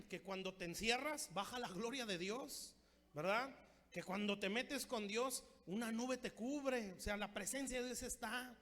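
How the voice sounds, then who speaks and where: A man preaching a sermon at a church marriage workshop, constantly asking the congregation for agreement and switching between quick bursts and slow, emphatic lines. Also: very high voice, sharp tone. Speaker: pastor. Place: church hall. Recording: long hall reverb.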